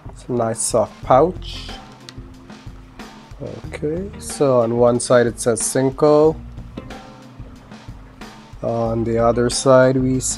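An indie filmmaker in his thirties reviews gear casually and conversationally, dropping in asides. His voice is medium-pitched and darkish, with instrumental guitar music running under it.

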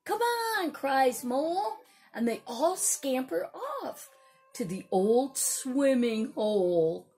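A young woman teacher reading a picture book aloud to young children, animated, with gasps and whispered asides. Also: on the high side, slow pace, slightly rough, faint music behind.

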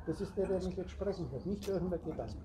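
In a meeting room, a man acting as a spiritual teacher lectures a small group in a high, expressive voice at a quick pace. He rambles, plays on the roots of words, and speaks straight to his listeners, with a chattering group creating background noise.

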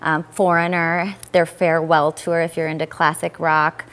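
Woman, 30s, slightly low voice, friendly, informative, TV studio guest. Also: little pitch movement, normal speed, a bit bright. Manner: friendly, informative promo talk. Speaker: fair public affairs director, guest. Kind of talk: live TV studio interview. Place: TV news studio.

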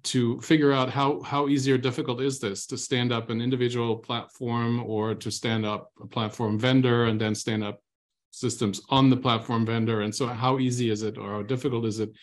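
A man's voice: mid-range voice, flat delivery, normal speed. A man in his fifties speaking as a panelist on a video call, polite and methodical with frequent uhs. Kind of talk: academic panel discussion.

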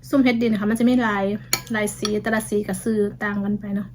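A vlogger with an Isan Thai accent chats casually while eating, humming as she tastes her food. Her mid-range voice moves quickly with fairly even intonation over background noise.

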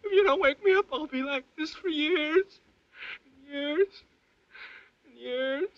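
An actor playing a young soldier's halting, stammering inner monologue that swings between hushed dread and panic. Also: male voice, medium pitch, expressive, breathy edge, muffled recording. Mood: hysterical. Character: young male soldier, maimed, trapped and frightened. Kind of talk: film voice-over inner monologue.

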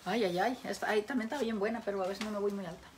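A woman's voice: mid-range voice, steady tone, fast, background noise. A Mexican woman hosting a live cooking show, chatting casually with viewers and telling folksy jokes with a laugh.

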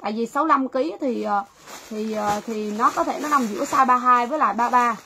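This livestream seller, a Vietnamese woman, has a brisk, bright and forceful voice on the high side. She talks chattily to viewers and repeats herself, over faint background noise in a rough recording.

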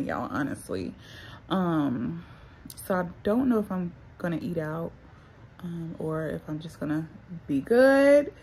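A young vlogger from North Carolina, USA, chats casually with viewers, calling them "y'all" and "girl." She has retainers in, so her low, creaky, warm voice comes out slightly muffled. There's a little background noise.

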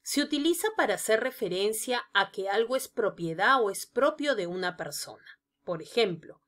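A woman narrating a scripted grammar lesson, explaining each example slowly and deliberately. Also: mid-range voice, lively intonation, fairly bright tone. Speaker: teacher.

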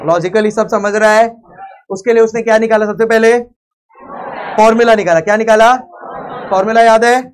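A man with an Indian accent teaching accounting to a live class, loud and emphatic, constantly asking the students check questions and mixing English phrases into his talk. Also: high voice, fairly even intonation, moderate pace, long pauses, some chatter behind, a little hiss or hum. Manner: mixes English phrases into Hindi; loud and emphatic, sometimes calling out. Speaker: accounting lecturer. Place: lecture hall with a live class.

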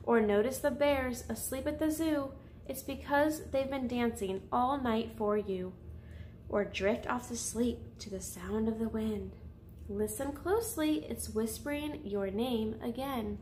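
During a story time for children, a woman reads picture-book narration in a fairly high voice and talks directly to the kids. Her delivery is unhurried and a little mellow, with faint background noise behind it.

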